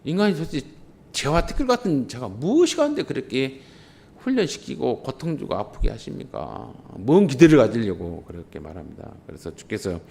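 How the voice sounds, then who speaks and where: A man's voice: medium pitch, big pitch swings, normal speed, gravelly, mellow. A male pastor delivering an emphatic, impassioned sermon.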